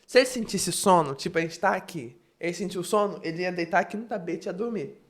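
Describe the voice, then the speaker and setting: A man's voice: high-pitched, fast. A man with a Brazilian accent hosting a church podcast, chatting casually and sharing a story of his own. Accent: Brazilian Portuguese. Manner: chatty, laughing along while sharing an anecdote. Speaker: podcast host. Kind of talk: casual chat.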